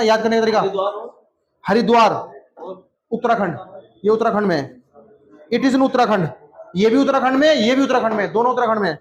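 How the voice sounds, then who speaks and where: A man's voice: high voice, a little hiss or hum. A man teaching a classroom lesson, repeating answers over and over and quizzing students by name. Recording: echoey classroom.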